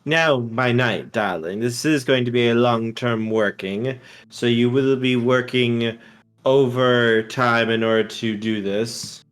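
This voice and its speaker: A man's voice: mid-range voice, slow, clean tone, natural voice. A man playing a suave, theatrical companion in a tabletop game, with an affected, coaxing manner. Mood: smooth, obliging. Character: suave theatrical companion who calls everyone darling.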